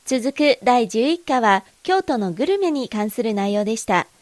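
A woman teaching a language lesson, reading dialogue lines with careful, deliberate enunciation. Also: a little high, expressive, over music.

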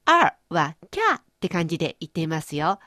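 Lively woman teaching pronunciation. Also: low-pitched, a little fast, no echo, studio quality. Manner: explains pronunciation with playful everyday images. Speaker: language teacher and host. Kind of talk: radio-style language lesson.

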